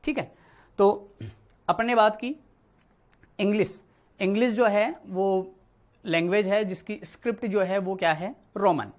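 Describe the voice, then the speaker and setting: A man's voice: sits high, fairly even intonation, unhurried, long pauses. Male teacher, patient explainer who repeats key words and keeps checking in. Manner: explains step by step, repeats words, says "ठीक है" often. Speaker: English teacher. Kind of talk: spoken Hindi classroom lesson.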